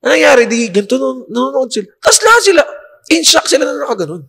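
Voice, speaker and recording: Animated storytelling man, gravelly high voice. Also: fast, big-room sound. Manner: animated, laughing, acts out quotes with curses. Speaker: podcast guest. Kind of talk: casual storytelling chat.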